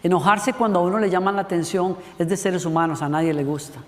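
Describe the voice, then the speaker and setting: A man's voice: high-pitched, fairly even intonation, quick pace, big-room sound. A man preaching a sermon, telling a story in a chatty way, with questions to the congregation and a few jokes.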